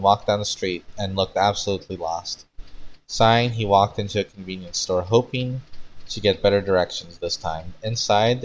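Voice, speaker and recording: A man's voice: lowish voice, rough recording. A man streaming casually and reading his own fanfiction aloud in a hesitant manner.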